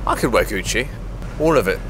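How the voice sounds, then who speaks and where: A man's voice: fairly low pitch, animated, brisk. A man in his thirties chatting casually and jokingly while riding in an open-top car, recorded by a camera in the car. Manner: easygoing, joking. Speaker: vlog co-host. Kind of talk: casual chat. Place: open-top car outdoors on city streets. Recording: traffic and wind noise.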